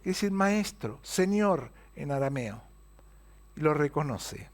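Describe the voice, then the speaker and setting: Man, Rioplatense accent, pastor's sermon, fairly high voice, rhetorical questions, loud-soft swings. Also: animated, slow. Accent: Rioplatense Spanish. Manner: storytelling preacher, rhetorical questions, wide swings in loudness. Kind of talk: Easter sermon.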